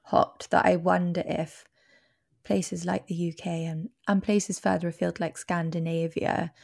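A woman's voice: lowish voice, flat delivery, a little slow, gravelly, a little mellow, no echo, clean studio sound. A woman from Devon, a travel journalist, chatting casually on a podcast with enthusiastic, wry asides. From Devon, England.

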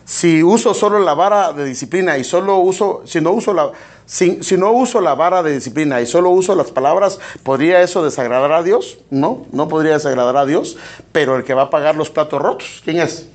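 A male pastor preaching a sermon in an animated, joking way, often calling listeners "hermano". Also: on the high side, brisk.

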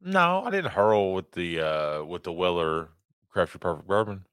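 Low-voiced man, casual podcast host. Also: lively intonation, moderate pace, a bit bright, smooth, no room sound, clean studio sound. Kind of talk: casual chat.

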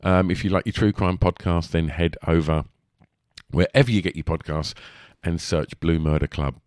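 Male podcast host, low register, Essex twang, lispy, chatty and rambling, close dry recording. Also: moderate pace, a little mellow, no echo. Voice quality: lisp. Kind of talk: casual podcast introduction.

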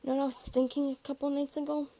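Woman reading as a quiet young man, soft, tender, gravelly. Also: high-pitched, level tone, racing.

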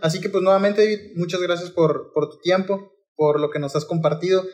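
Man, podcast host, polite, halting with fillers, a bit higher voice. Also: steady tone, darkish tone. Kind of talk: podcast interview.

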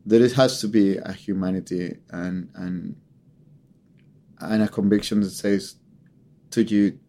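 Low-voiced man telling a halting story. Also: steady tone, warm tone. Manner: halting, repeats words while searching for phrasing; earnest, grave storytelling. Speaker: photographer. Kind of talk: personal account in an interview.

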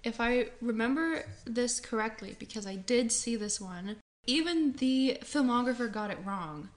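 Excitable woman with a high voice. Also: normal speed. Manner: animated, gasps and laughs, big exclamations. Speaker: co-host. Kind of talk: casual chat.

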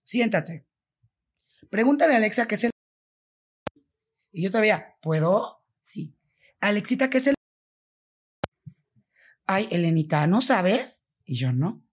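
A Mexican woman being interviewed, her voice breathy with a husky edge. She tells her story vividly, switching into the voices of each person she quotes. Her pitch sits in an ordinary middle range. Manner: animated, acts out quoted dialogue. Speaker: foundation founder, guest.

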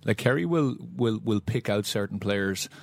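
A man's voice: fairly low pitch, lively intonation, moderate pace, gravelly, no room sound. An Irish man giving casual sports analysis as a former player turned pundit. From County Meath, Ireland. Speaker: former Gaelic footballer, pundit.

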